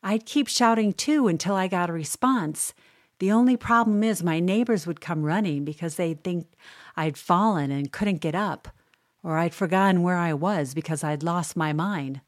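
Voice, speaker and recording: A woman reading a humorous newspaper column aloud in a wry, measured, dryly humorous way. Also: fairly low pitch, dry recording, clean studio sound.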